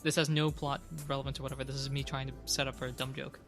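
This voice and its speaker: A man running a tabletop game as game master, narrating in a relaxed, loose way with frequent fillers. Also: medium pitch, racing, music in the background. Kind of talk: casual actual-play narration.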